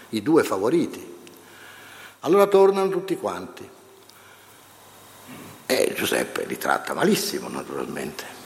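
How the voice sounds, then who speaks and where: A middle-aged man lectures to an audience in a large hall, speaking conversationally and turning to his listeners directly. His pitch swings widely and expressively. The room echoes with a long, hanging reverb. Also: vocal fry. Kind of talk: public lecture with readings.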